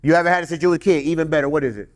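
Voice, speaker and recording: Brief: male preacher, conversational and joking, slows right down to read scripture. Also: fairly high pitch, steady tone. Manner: conversational, joking with the congregation, reads scripture slowly. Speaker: teacher. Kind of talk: casual sermon.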